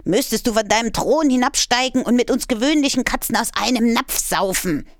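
A woman voicing a scruffy, grumpy old tomcat in a storybook reading, talking gruffly. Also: on the high side, fairly quick, no echo, studio quality, voice pushed up, natural voice. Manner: gruff, grumbling.

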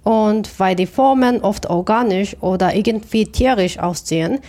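A woman's voice: mid-range voice, moderate pace, mellow. A woman from Japan, a Japanese native speaker, answering interview questions about her art in a careful, thoughtful way with small restarts. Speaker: artist.

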